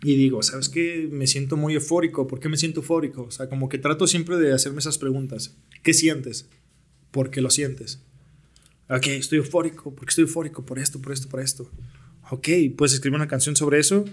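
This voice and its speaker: A man's voice: medium pitch, steady tone, brisk. A young man with a Mexican accent, a podcast guest telling stories in slangy, laid-back talk. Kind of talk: casual storytelling interview.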